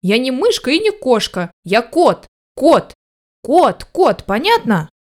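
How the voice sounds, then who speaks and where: A woman's voice: high-pitched, sing-song, takes it slowly, full character voice. A woman doing an indignant hissing tomcat. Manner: loud, hissing, indignant shouting.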